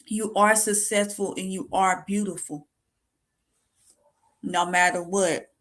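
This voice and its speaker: A woman's voice: medium pitch, steady tone, fairly bright tone. A young woman speaks to her viewers in a personal, confessional vlog. She stops and restarts, repeating words as she tries to get them out. Her voice is close to tears. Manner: halting, repeats words, emotional. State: near tears. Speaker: vlogger.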